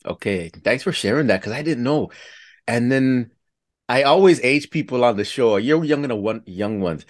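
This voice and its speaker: A man hosting an interview show, asking relaxed follow-up questions. He speaks at a middle pitch and keeps affirming his guest. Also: moderate pace. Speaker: podcast host.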